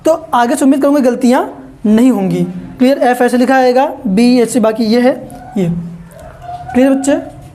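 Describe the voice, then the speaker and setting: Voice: mid-range voice, moderate pace, pauses often, dark tone, a little hiss or hum. A woman teaching a basic English lesson to children. She explains patiently, repeats points, quizzes her listeners and keeps calling them "kids", mixing English terms into her speech.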